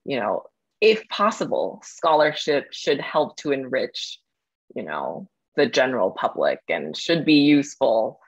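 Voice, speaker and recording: A woman's voice: a bass voice, sing-song, a little slow, slightly rough, muffled recording. A woman hosting an interview as a scholar, speaking thoughtfully and hedging her points with frequent fillers. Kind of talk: conversational interview.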